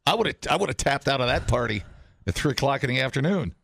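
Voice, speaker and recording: A man co-hosting a morning radio show, bantering and joking in an animated way with silly voices. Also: medium pitch, quick pace, vocal fry, no echo, studio quality. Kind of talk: casual comedic radio banter. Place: radio studio. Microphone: studio microphone.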